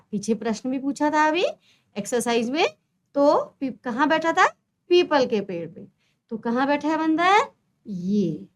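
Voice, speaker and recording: A woman teacher explaining a children's textbook lesson, patiently asking questions and answering them herself. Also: high-pitched. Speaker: primary school teacher.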